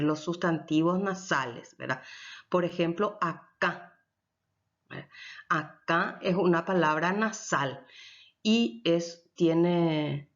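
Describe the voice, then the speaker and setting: A woman teaching Guaraní grammar in a lecture, explaining slowly and often checking with her listeners. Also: medium pitch. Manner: switches between Spanish and Guaraní. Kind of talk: recorded language lecture. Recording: dull lo-fi recording.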